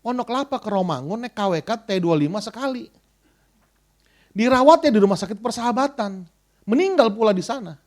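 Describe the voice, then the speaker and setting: High-voiced animated male preacher. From Indonesia. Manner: animated storytelling, swings between loud and hushed. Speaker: pastor. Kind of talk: sermon.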